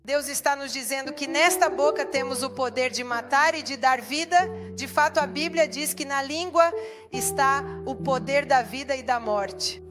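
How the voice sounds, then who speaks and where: A woman's voice: sits high, moderate pace, music in the background. A woman pastor preaching a sermon, emphatic and putting rhetorical questions to the congregation.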